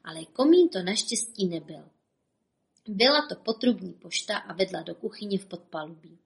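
A woman reading a children's storybook aloud, lively and playful, turning now and then to address the listener directly. Her voice sits at a middle pitch for a woman. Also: gravelly.

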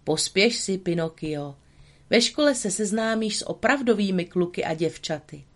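A woman voicing a kindly elderly male woodcarver in a storybook reading, with excited exclamations. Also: mid-range voice, lightly acted. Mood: fatherly.

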